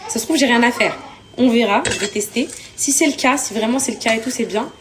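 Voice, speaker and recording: A woman's voice: on the high side, brisk, crowd noise. A tired young woman in casual vlog chat, venting and exasperated, often repeating herself. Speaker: vlogger. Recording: household clatter behind.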